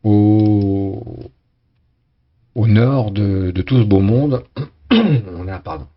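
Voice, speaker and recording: A man with a very deep, hoarse voice gives loose, conversational live commentary on a sailing race game, speaking very slowly. He hesitates a lot, restarting, repeating words and filling gaps with "uh", and the sound is somewhat dull and lo-fi.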